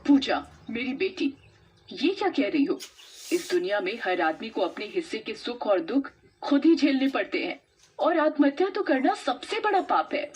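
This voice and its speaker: A woman voicing a dead mother who has returned as a witch spirit, gently scolding and comforting her daughter in a cartoon story. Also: a little high, big pitch swings, normal speed, husky, pitched above the performer's own voice. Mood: consoling. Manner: gentle, admonishing.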